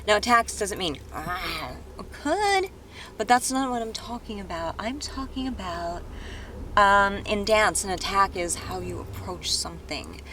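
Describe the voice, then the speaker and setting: A woman's voice: mid-range voice, expressive, unhurried. A woman dance vlogger speaking unscripted to her viewers, earnest and rambling, stopping and restarting her thoughts in a room with an open window. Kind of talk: unscripted vlog monologue. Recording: loud street noise in the background.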